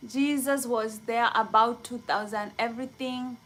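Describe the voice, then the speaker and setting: Slow-talking excitable woman from Kenya. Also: fairly high pitch, rough recording. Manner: rambling, many "like" fillers, excitable. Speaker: livestreamer chatting with viewers. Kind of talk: casual live chat.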